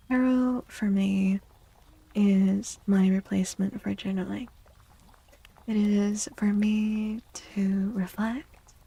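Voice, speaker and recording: Her mid-range voice soft and breathy, a woman whispers her way through much of a live ASMR tarot reading. She is gentle and soothing, offering unhurried reassurance, and the audio quality is poor.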